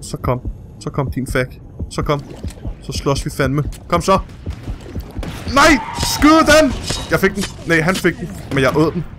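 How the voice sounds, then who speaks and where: A man hosting a co-op game session, commentating excitedly, swearing and yelping whenever something startles him. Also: fairly high pitch, long pauses, music in the background. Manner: jumpy, swears and yelps when startled. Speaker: let's play host.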